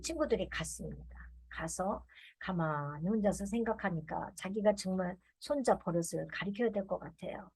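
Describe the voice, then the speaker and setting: A woman preaching a sermon, telling folksy stories with acted-out voices and slowly drawn-out refrains. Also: mid-range voice, husky. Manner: animated storytelling, acts out quoted lines.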